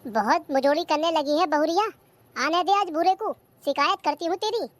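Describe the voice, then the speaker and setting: A very high, squeaky cartoon voice of a scolding old village mother-in-law, as a performer puts her on. She nags and taunts, and the voice sounds close and dry with no room around it. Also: moderate pace, no echo. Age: older. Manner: nagging, taunting, complains about the old days. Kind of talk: cartoon comedy skit.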